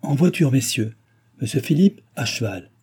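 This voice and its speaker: A man reading a novel aloud, voicing a young royal princess who is brisk, gracious and commanding. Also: medium pitch, lively intonation, breathy edge, voice pushed up. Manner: brisk, imperious, graciously warm. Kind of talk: audiobook character reading.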